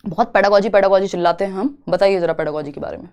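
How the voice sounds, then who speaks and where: A woman's voice: mid-range voice, rapid-fire, a little mellow, clean tone. A woman teaching an exam-prep lesson in a chatty, reassuring way, mixing into her talk. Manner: chatty, reassuring, mixes Hindi with English terms. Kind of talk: online exam coaching lesson.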